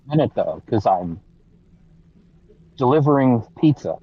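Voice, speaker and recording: A man's voice: medium pitch, expressive, normal speed, husky. A man in casual, joking chat on a game stream, his voice muffled as if through a wall from inside a car. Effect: muffled, dull sound, as if through a wall.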